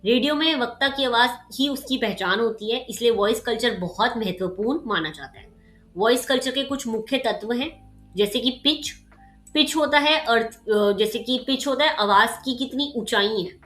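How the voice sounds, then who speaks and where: This exam-prep lecture comes from a female tutor whose voice is a little high and slightly sharp, speaking at normal speed in a reverberant space with faint music in the background. Her tone is casual, she leans on everyday examples, and she repeatedly checks in using "ठीक है" and "okay".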